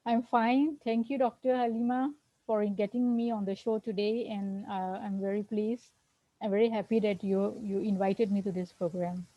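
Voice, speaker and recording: A woman's voice: mid-range voice, steady tone, moderate pace, dark tone, no room sound, lo-fi sound. A middle-aged woman from Singapore answering interview questions earnestly over a video call, with fillers and restarts. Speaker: guest, accountant. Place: at home, remote.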